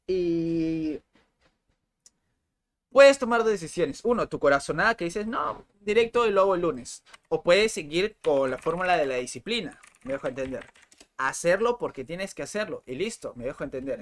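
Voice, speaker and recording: A man's voice: on the high side, expressive, normal speed. A young male streamer talks over live gameplay. He is chatty and exclamatory, and he repeats his words as he reacts. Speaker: game streamer.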